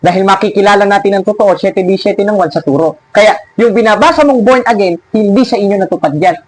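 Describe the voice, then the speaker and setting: High-voiced sarcastic male preacher. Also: brisk, dry recording, low-quality recording. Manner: sarcastic, scolding, laughs at his opponents. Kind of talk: preaching and mocking a rival church.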